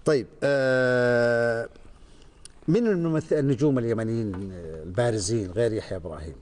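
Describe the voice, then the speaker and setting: A man's voice: mid-range voice, fairly quick, darkish tone, a little hiss or hum. A man hosting a talk show, taking callers and joking easily. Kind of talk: casual on-air chat.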